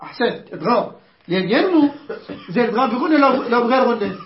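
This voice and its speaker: High-voiced man teaching Quran recitation. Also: big pitch swings, roomy sound, dull audio. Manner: explains rules, then recites verses slowly and drawn out; quizzes students and corrects their pronunciation. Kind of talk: tajweed lesson to students.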